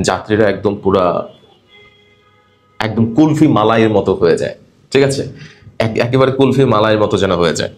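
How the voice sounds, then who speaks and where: A man's voice: mid-range voice, darkish tone. A man teaching a cabin crew coaching class, talking emphatically to his students and correcting their pronunciation, with English words mixed in.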